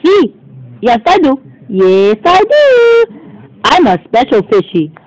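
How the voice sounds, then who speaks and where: A chirpy magical fishy that brags about granting wishes, as a storyteller puts it on. The high, squeaky voice swings up and down in pitch and stretches its words out slowly. It sounds like a homemade make-believe play. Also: wildly swooping pitch, a little hiss or hum, full character voice, rough recording. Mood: boastful. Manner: slow, drawn-out, squeaky delivery. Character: magical talking fish, chirpy and boastful.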